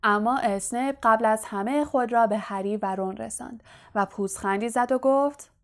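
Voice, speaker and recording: A woman narrating a fantasy novel as an audiobook in an even, steady storytelling manner. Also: on the high side.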